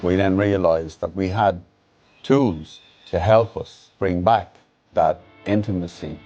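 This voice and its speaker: A man's voice: deep voice, takes it slowly, dark tone, dull audio, faint music behind. A middle-aged man from Ireland with an Irish accent, steadily recounting his married life in a personal testimony interview.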